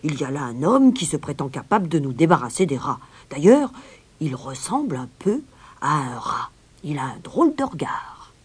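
A woman voicing a blustering middle-aged male town mayor, loud and pompous, in a storybook reading. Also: low voice, sing-song, normal speed, breathy edge, heavily acted. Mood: scheming.

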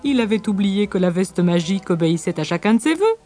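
Expressive woman narrating a children's story. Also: medium pitch, quick pace, soft background music. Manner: gentle, expressive read-aloud.

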